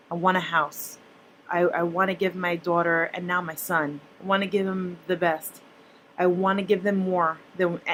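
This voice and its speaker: Speaking casually to camera, a young mother and personal finance vlogger chats bluntly with her viewers about what she spends. Her voice is fairly low and a bit bright, with slight background noise in a low-quality recording.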